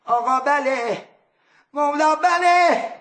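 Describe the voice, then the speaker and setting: A man's voice: very high voice, fairly bright tone, echoey room. A man voicing a loyal male servant who answers eagerly and obediently.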